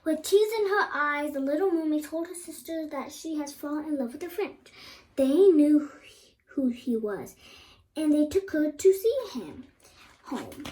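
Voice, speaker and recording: A female storyteller with a very high voice reads a children's tale aloud, stumbling over words and repeating them haltingly. Her intonation is lively and her tone somewhat dark.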